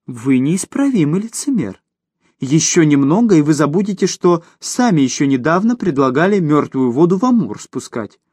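A man's voice: a little high, big pitch swings, moderate pace, a little mellow, breathy edge, no room sound, clean studio sound. A man voicing a ruthless, domineering woman who mocks her partner in a cutting tone for an audiobook. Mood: cold. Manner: sneering, cutting. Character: cold, mocking, domineering woman, ruthless schemer. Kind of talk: audiobook character voice.

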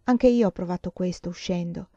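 A woman reading as a calm, hopeful young woman. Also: fairly low pitch, fairly quick, dry recording, dull audio, natural voice.

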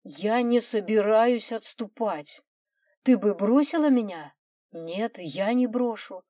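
A woman's voice: medium pitch, expressive, slow, dark tone, dry recording, clean studio sound. A woman voicing a loving husband who begs his wife to open the door, urgent and emotional. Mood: tender. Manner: urgent pleading. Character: loving husband, pleading and determined.

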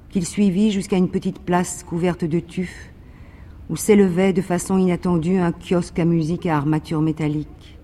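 A man reading a literary novel aloud in a measured, even narration, with a long reverb behind his voice. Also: high voice. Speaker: reader.

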